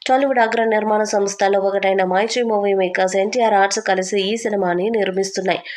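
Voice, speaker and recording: A woman narrating scripted entertainment news in a brisk, even newsreader manner. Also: mid-range voice.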